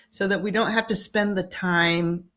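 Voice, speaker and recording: A woman with a fairly low voice co-hosts a relaxed nutrition podcast. She talks in a chatty, meandering way, trails off into fillers and laughs easily. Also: slow. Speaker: podcast co-host. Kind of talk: casual nutrition chat.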